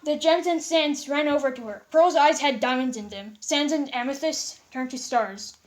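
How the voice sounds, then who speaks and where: A woman with a high voice reads a fan story aloud in an amateur way, at normal speed. She stumbles and repeats words as she goes.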